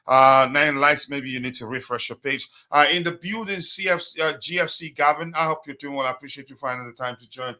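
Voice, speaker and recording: A man hosting a casual live football fan stream in a halting, repetitive way, his voice slightly strained as if he is losing it. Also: a little high, bright, forceful tone.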